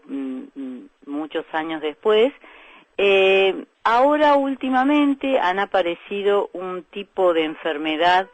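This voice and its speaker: Calm Argentine woman doctor, dry sound. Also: on the low side, no room sound, rough recording. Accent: Argentine Spanish. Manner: calm explanatory, with frequent "eh" fillers. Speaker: breast specialist doctor, guest. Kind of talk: radio interview.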